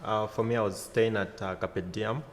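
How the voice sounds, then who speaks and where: A man's voice: fairly low pitch, fairly even intonation, moderate pace, a little hiss or hum. A young man from Zambia, an exchange student, answers interview questions hesitantly, with many fillers. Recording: hall reverb.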